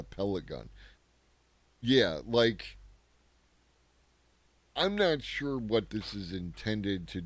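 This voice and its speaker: Deep-voiced man giving sarcastic commentary. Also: dry recording. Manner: sarcastic, thinks aloud with frequent tag questions. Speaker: host of a daily news commentary show. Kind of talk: casual spoken commentary.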